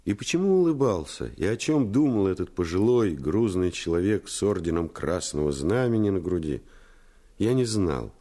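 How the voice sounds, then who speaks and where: In this radio play, a low-pitched man takes the role of a narrator remembering his childhood as a boy. His delivery is thoughtful, measured, and expressive.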